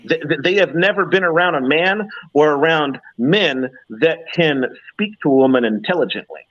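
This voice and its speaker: A fifties man on a live online talk panel, chatting loosely and tripping over his own starts. His voice sits slightly high for a man. The sound is dull and lo-fi, like a streamed call. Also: animated, normal speed, a bit bright. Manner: storytelling with frequent stammered restarts.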